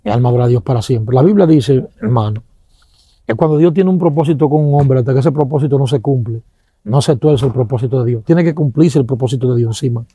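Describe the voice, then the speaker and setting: A man with a Dominican accent giving an animated testimony, acting out sounds and quoting people, with religious exclamations. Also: medium pitch, a little fast, slightly rough, no echo.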